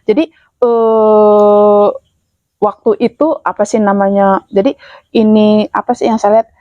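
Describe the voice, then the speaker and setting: A woman's voice: medium pitch, flat delivery, unhurried, mellow, no echo, dull audio. A woman hosting a spiritual channel. She explains in a polite, hesitant way, with many fillers and apologetic asides. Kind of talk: casual explanatory talk.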